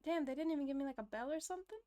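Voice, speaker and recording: A woman's voice: high-pitched, expressive, racing, mellow, no room sound. A woman playing a video game and chatting casually, tossing out jokey reactions. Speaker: game player. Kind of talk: casual let's-play commentary.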